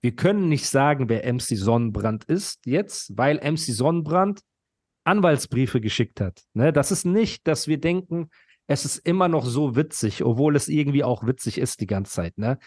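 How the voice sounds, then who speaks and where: A man's voice: medium pitch, lively intonation, moderate pace, darkish tone, no echo. A man hosting a podcast, telling stories and ranting casually in long, nonstop chatty runs full of slang. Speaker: podcast host.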